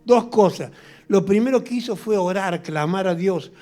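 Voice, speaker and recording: A middle-aged man with an Argentine accent, preaching a sermon as pastor in an animated, humorous way that acts out little scenes. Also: high-pitched, normal speed, soft background music. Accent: Argentine Spanish.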